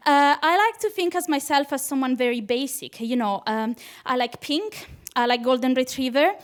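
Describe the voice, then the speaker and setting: With a high voice, lively intonation, and a moderate pace, a young woman from Italy delivers a nervous, chatty comedy set at a club. She's a PhD student with an Italian accent who keeps laughing at her own jokes.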